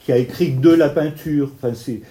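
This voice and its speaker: A man gives an evening art history lecture, walking listeners through a painting detail by detail. His voice sits a little high for a man yet sounds mellow and dark in tone. He explains patiently and points at the picture as he talks. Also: normal speed. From Italian family background.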